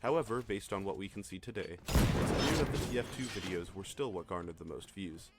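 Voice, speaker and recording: A man narrating a scripted video essay in a measured storytelling manner. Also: low-pitched. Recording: narration over clear background music.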